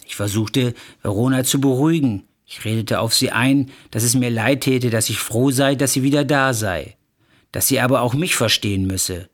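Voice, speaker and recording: A man narrating a first-person memoir audiobook, reading expressively. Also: medium pitch. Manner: expressive, acting out quoted dialogue.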